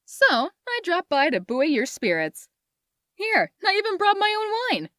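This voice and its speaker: Woman playing bubbly, flirty Mary Jane, wildly animated. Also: very high voice, measured pace, dry recording, studio quality, full character voice. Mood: flirty, upbeat. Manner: playful, theatrical, teasing. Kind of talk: comic dub voice acting. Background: music.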